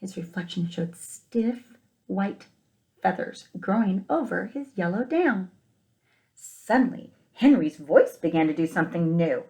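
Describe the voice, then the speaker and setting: A female teacher reads a picture book aloud to young children with expression, pausing for gentle questions to her listeners. Her voice is fairly low and animated, and she reads a little slowly.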